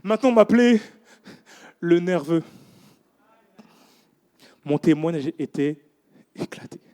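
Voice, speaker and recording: Speaking slowly in a slightly high voice, a thirtysomething man delivers a church sermon. His storytelling is animated, sprinkled with offhand remarks to the congregation.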